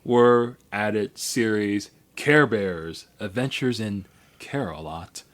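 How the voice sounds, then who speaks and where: Man, podcast co-host, casual chat, lowish voice, rambling with fillers. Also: takes it slowly, a bit bright. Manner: rambling, many fillers and restarts.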